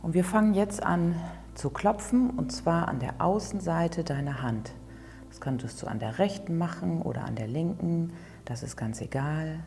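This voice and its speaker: A woman leading a guided tapping session in a calm instructing voice, at times dropping to a soft whisper. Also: sits low, moderate pace, faint music behind. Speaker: tapping coach.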